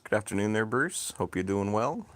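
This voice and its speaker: A man hosting a casual livestream with his cats, chatting easily and reading out viewers' comments in a self-described monotone voice. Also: on the low side, moderate pace. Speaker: livestream host. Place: home, cats outdoors.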